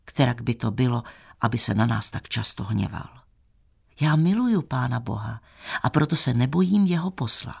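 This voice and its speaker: A man's voice: mid-range voice, lively intonation, vocal fry, a little mellow, slightly rough, heavily acted. Fearless blunt village girl, as a man reads her. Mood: defiant.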